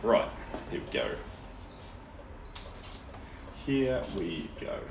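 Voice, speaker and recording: Painting on a livestream from a small indoor studio, this young New Zealander from Tauranga, North Island, keeps things casual and upbeat, reading viewer comments aloud as he goes. He speaks a little slowly in a fairly low, sing-song voice with some vocal fry. A camera or phone a few steps away picks him up, giving a roomy, distant sound with faint background noise.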